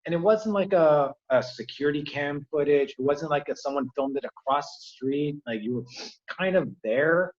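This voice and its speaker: A man's voice: a little high, normal speed. A man speaking as an interview guest, rambling with many fillers and restarts. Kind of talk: casual interview conversation. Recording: dull lo-fi remote audio.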